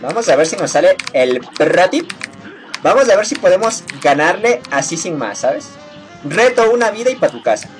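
A woman's voice: lowish voice, big pitch swings, moderate pace, faint music behind. A woman chatting casually with her viewers while she plays a video game, playful and teasing and laughing often. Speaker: game streamer. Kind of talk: casual live-stream chat while gaming.

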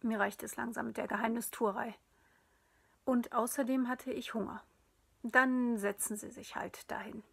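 Woman reading a story out loud, half whispering, breathy, a little high. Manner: quiet, hushed narration.

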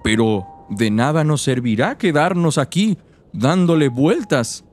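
A man's voice: a little high, lively intonation, a little slow, faint music behind. A man voicing an elderly, wise woman advisor from a fantasy game in a put-on thin, solemn old-lady voice. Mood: musing. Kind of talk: dramatic read-aloud of game dialogue.

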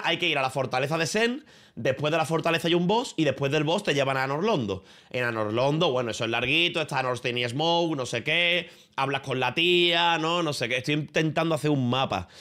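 A man's voice: on the high side, fairly bright tone. Profane, rambling Spanish streamer man. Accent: Spain Spanish. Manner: rambling, profane, slangy, talking to viewers and a friend. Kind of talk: casual livestream chat. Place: his room at home.

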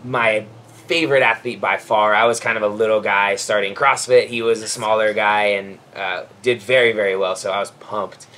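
A man's voice: fairly low pitch, fairly even intonation, moderate pace, bright, forceful tone, a little hiss or hum. A man in his thirties hosting a casual backyard chat, upbeat and friendly, recorded outdoors on a covered patio by a camera mic at a distance. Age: 30s. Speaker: host.

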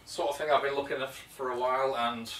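A chatty British man in his thirties shows off his tools in a loose, rambling way. His voice is bright and forward. He is heard from a few feet away in an echoey workshop. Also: medium pitch, steady tone, a little fast. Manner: chatty, rambling with fillers and restarts. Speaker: woodworking video host. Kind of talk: casual show-and-tell vlog. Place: home workshop, indoors. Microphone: camera mic from a few feet away. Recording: echoey workshop, distant mic.

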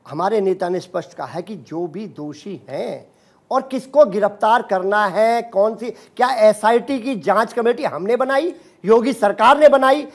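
A man's voice: high-pitched, lively intonation, a little slow. Combative man repeating talking points. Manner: combative, repeats slogans, interrupts. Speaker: party spokesperson. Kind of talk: heated televised debate.

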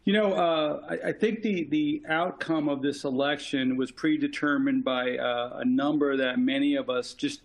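A man's voice: on the high side, steady tone, poor audio. Emphatic man analyzing election numbers. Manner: emphatic, rapid-fire analysis. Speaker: political consultant panelist. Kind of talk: panel discussion.

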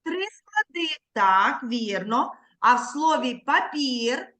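Woman teacher on a video call with little kids, slightly high voice, slow and super clear, sounds words out syllable by syllable. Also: very animated, sharp tone. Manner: slow, clearly articulated, patient teacher's prompting. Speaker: primary school teacher. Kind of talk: online literacy lesson for young children.

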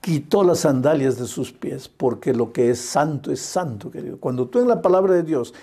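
Older man preaching, mellow voice. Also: animated, moderate pace, breathy edge. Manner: emphatic preaching with repeated phrases; rises high and falls low in pitch. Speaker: pastor. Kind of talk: evangelistic sermon.

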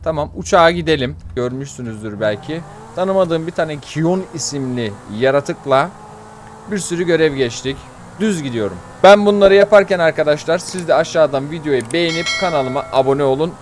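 Guy doing a let's play, jokey swearing, yells when he panics, slightly high voice, faint game noise behind. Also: a little fast. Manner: chatty, swears jokingly, gets loud and panicky under fire. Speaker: gaming YouTuber.

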